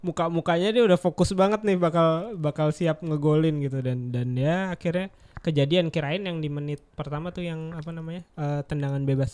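A man co-hosting a casual football podcast, talking with many pauses and restarts. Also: on the high side, darkish tone, smooth. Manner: hesitant, many fillers and restarts. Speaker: podcast co-host.

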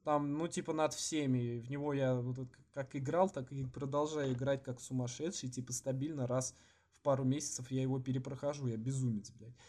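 A man co-hosting a podcast in casual, slangy chat with swearing, halting with many false starts and repeats. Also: mid-range voice, fairly even intonation, a little mellow. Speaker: podcast co-host.

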